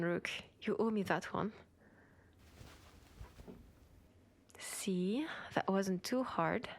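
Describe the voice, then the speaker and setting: A woman with a French accent, speaking in a breathy, hushed way, acts as an ambitious cyberpunk cop who guards her rookie partner closely. This intimate sci-fi roleplay gives only her half of the conversation, delivered at medium pitch in a teasing mood.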